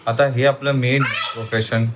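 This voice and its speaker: A man's voice: medium pitch, steady tone, a little slow, background noise. A man in his thirties filming a casual family vlog at home, animatedly coaxing and teasing his little daughter. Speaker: family vlogger, father.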